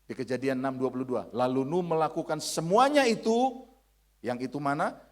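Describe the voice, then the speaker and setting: A man in his thirties preaching a sermon in a church, forceful, dropping to hushed lines and rising to shouted ones. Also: mid-range voice, expressive, moderate pace. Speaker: pastor. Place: church sanctuary.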